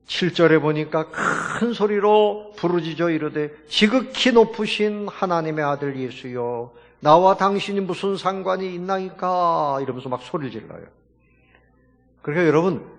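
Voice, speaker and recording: A man's voice: fairly high pitch, long reverb tail. A man preaching a sermon as pastor, emphatic and full of rhetorical questions to his congregation.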